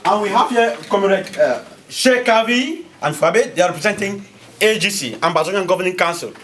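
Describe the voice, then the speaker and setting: A man with a notably high voice chairs a conference session. He speaks in a measured, polite way, asking each delegation head in turn to introduce their people. A faint hiss sits under the recording. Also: expressive. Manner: measured, polite, directing proceedings. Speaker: conference moderator. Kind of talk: formal introductions at a meeting. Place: conference hall.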